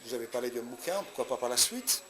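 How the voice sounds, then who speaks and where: Speaking quickly and expressively in a mid-range voice, an Italian-accented man, a comedian being interviewed, stumbles through his answers with plenty of fillers and restarts. Crowd chatter is loud behind him.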